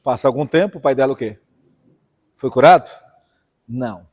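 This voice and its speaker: A Brazilian man from São Paulo preaching a fiery sermon, swinging from hushed asides to loud outbursts and calling out to his listeners. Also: mid-range voice, normal speed. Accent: Brazilian Portuguese, São Paulo. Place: church hall. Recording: long church hall reverb.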